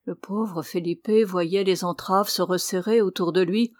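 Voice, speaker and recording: A woman reading a novel aloud in an even, measured audiobook narration, in a dry recording. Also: fairly low pitch, no room sound. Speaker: audiobook reader.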